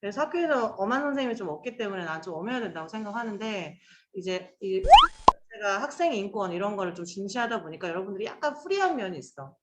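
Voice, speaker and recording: A woman's voice: medium pitch, big pitch swings, fast talker, echoey room, heavy background noise. A woman teacher giving a casual Chinese pronunciation lesson, chatty and coaxing, drilling sounds aloud with her students.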